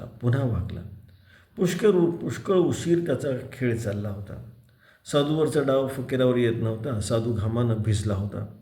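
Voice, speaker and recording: A man from Maharashtra reads a novel aloud with a measured storytelling pace. His voice is mellow and of middle pitch. The recording has a roomy echo. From Maharashtra, India. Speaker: novel reader. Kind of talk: audiobook reading.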